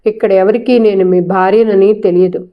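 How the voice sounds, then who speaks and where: Storybook figure: a woman reading a sharp-tongued young wife, cutting and proud, mid-pitched voice, dull lo-fi sound. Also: fairly even intonation, moderate pace, natural voice. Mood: defiant.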